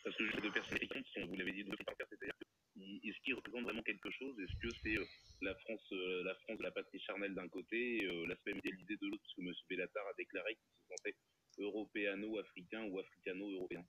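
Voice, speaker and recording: A man interviewing a guest on radio, asking brisk, probing questions. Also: deep voice, fairly even intonation, sharp tone, a little hiss or hum, low-quality recording.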